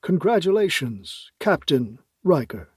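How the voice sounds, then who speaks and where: A man's voice: on the high side, sing-song, unhurried, darkish tone, breathy edge, dry recording, studio quality, heavily acted. A man voicing a formal male career politician in an audiobook, speaking in a ceremonious, official tone. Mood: ceremonial.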